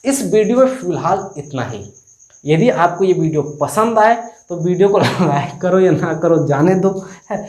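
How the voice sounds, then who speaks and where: A man's voice: high voice, lively intonation, moderate pace, darkish tone. Chatty male Hindi math tutor, echoey room. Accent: Jharkhand Hindi. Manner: chatty, asks and answers his own questions, teasing. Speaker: math teacher. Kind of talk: casual classroom tutorial.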